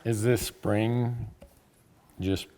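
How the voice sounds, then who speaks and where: A man's voice: fairly low pitch, steady tone, drawn-out words, mellow. A man interviewing in a casual, folksy, informal chat style.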